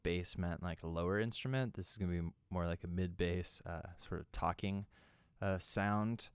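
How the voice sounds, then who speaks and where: Low, smooth-voiced man explaining synth settings. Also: no room sound, clean studio sound. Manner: loose and conversational, many fillers. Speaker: music producer teaching synth sound design. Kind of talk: casual software tutorial.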